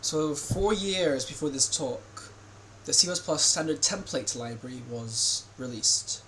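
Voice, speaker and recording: Man, casual reaction commentary, rambling with fillers, slightly high voice, faint keyboard noise. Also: measured pace, pushed and bright, rough recording. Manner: rambling, lots of "like" and restarts. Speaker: streamer reacting to a video.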